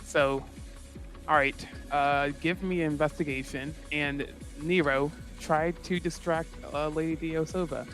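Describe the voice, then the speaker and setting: A man running a tabletop game as game master, narrating in a relaxed way with many fillers. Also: fairly high pitch, measured pace, faint music behind.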